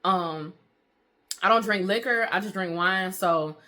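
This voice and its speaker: A woman's voice: medium pitch, measured pace, sharp tone, a little hiss or hum. A woman chatting casually in a home baking vlog, with lots of fillers, calling her viewers honey and y'all. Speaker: vlogger. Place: home kitchen.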